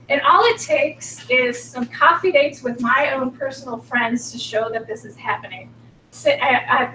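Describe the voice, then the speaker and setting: Woman in her forties, earnest workshop speaker, high voice, recorded from a distance in a reverberant room. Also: pushed and bright, slight background noise. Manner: earnest, encouraging, conversational. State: losing her voice a little. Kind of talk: workshop presentation. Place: meeting room. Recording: echoey room, mic at a distance.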